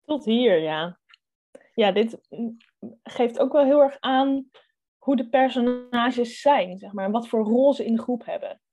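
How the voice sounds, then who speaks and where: A woman's voice: a little high, animated, measured pace, dark tone, lo-fi sound. A young woman co-hosting a book podcast, reading a thriller excerpt aloud and chatting casually about it, thinking aloud with hesitant fillers.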